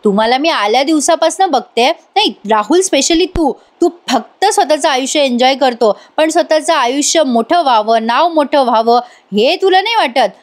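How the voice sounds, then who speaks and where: Lady doing a bitter young wife, taunting and scolding, high voice. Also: expressive, moderate pace, hardly any pauses. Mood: scornful.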